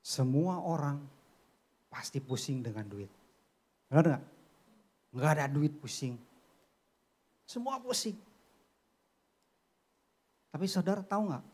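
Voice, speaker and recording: Lively Indonesian-preaching man, swinging highs and lows. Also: takes it slowly, pauses often, breathy edge. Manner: casual street slang storytelling, big swings between low murmurs and high exclamations. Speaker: pastor. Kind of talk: sermon. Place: church.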